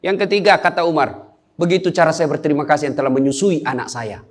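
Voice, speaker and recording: A middle-aged man preaching a humorous sermon, telling stories and acting out dialogue with lively, animated delivery. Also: a little high, fast talker. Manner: animated, jokey storytelling with quoted dialogue. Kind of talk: humorous sermon to a live audience.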